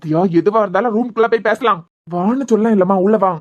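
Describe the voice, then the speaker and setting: A voice actor playing a young husband in a cartoon serial, with a Kanyakumari Tamil accent, pleading and trying to calm his wife. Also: mid-range voice, fast, muffled recording, natural voice. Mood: soothing, insistent. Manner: pleading, soothing, insistent.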